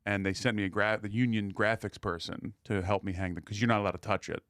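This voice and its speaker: A man's voice: lowish voice, steady tone, fast, a bit bright, dry recording, clean studio sound. A man co-hosting a podcast, telling a wry, exasperated story in casual chat.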